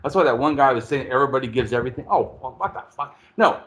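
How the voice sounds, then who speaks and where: A man hosting a casual conversation, explaining at length in a rambling, animated way and swearing freely. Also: medium pitch, quick pace. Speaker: podcast host.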